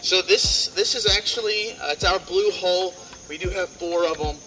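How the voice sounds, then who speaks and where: A man's voice: high-pitched, moderate pace, sharp tone, poor audio. A man guiding a tour group outdoors and into a cave, telling playful stories, heard from a visitor's camera a few meters away. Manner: upbeat, playful storyteller addressing a group. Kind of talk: joking guided tour talk. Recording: background music under the voice.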